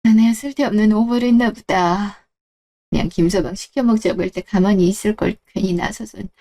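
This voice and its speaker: A woman's voice: medium pitch, fairly even intonation, brisk, warm tone, lightly acted. A woman voicing a frail, sick elderly mother who speaks meekly and apologetically. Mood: apologetic. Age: older. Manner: meek, apologetic.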